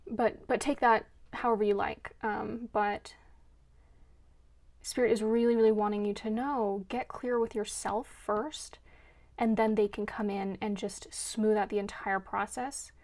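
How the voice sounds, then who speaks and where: A woman's voice: medium pitch, steady tone, unhurried, a little mellow. A woman giving an earnest, emotional spiritual card reading, rambling with many restarts. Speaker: card reader.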